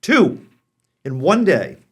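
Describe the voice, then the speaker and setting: A man's voice: on the high side, big pitch swings, slow pace, fairly bright tone, slightly rough. An American man in his sixties hosting a pet show, speaking conversationally and addressing the audience directly. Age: 60s. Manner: frank, direct address to viewers.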